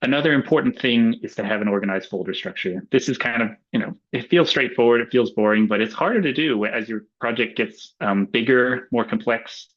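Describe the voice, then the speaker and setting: An Australian man presenting a webinar in a casual, relaxed way, with frequent ums and uhs. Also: mid-range voice, a little fast, few pauses. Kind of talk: relaxed webinar talk with slides. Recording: dull lo-fi webinar audio.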